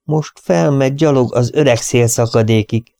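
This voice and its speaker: A man's voice: medium pitch, gravelly, warm tone, no room sound, clean studio sound, pitched above the performer's own voice, natural voice. A man reading an audiobook, voicing a stern, impatient male prison governor who speaks brusquely. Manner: brusque and commanding.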